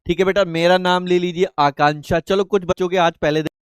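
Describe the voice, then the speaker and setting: Male teacher, slightly high voice, dry close sound, lectures by quizzing and answering himself. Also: steady tone, fast talker, smooth, dry recording. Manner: asks questions and answers them himself in call-and-response; affectionate, calls students beta and babu. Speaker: chemistry teacher. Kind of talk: live online class lecture.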